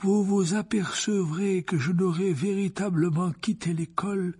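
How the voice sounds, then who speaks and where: A man voicing a calm, wise old headmaster who speaks very slowly and deliberately. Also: a little high, breathy edge, voice pushed up.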